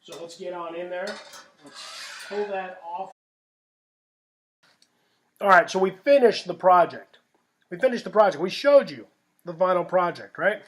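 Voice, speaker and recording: A man's voice: high voice, far from the mic. A middle-aged man hosting a home cooking show, talking in a chatty, folksy way with punchy asides. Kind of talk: casual cooking demonstration. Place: home kitchen. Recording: roomy kitchen, voice off-mic.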